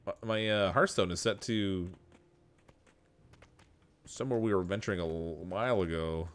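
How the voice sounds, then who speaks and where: A man with a low-pitched voice streams a game live, speaking at normal speed as he chats casually, laughs often and answers his viewers while playing, in relaxed gameplay commentary.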